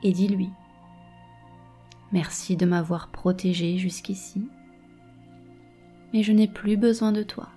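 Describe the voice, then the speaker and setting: A woman guiding a meditation softly and slowly, close in your ear, with a breathy voice that often slips toward a whisper. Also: mid-range voice, steady tone, faint music behind. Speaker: meditation and hypnosis guide. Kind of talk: guided meditation, soft and slow.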